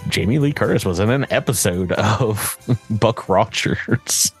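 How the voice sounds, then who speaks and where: A man's voice: on the low side, measured pace, soft background music. A man hosting a tabletop game as game master, introducing players playfully and laughing often. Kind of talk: casual actual-play chat and intros.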